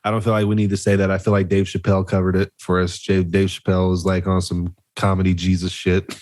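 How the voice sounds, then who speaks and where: A laid-back man from Arizona with a lowish voice, riffing on his podcast. He curses, chuckles and tacks "man" onto his lines, recorded close and dry. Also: monotone, fast talker, darkish tone, no room sound. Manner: laid-back, profane, ends lines with "man", laughs often. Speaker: podcast co-host. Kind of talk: casual podcast chat.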